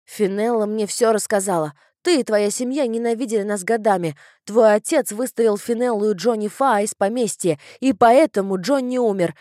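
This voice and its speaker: A woman's voice: mid-range voice, lively intonation, measured pace, no room sound, clean studio sound, close to an everyday voice. A woman reading an audiobook, voicing a frightened young woman who accuses with a trembling voice. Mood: accusing. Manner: shouting accusations.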